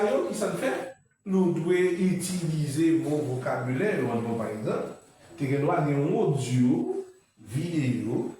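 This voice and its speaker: A man's voice: on the high side, darkish tone. Haitian-accented man lecturing a class. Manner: switches between French and Haitian Creole, repetitive, emphatic. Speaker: university lecturer.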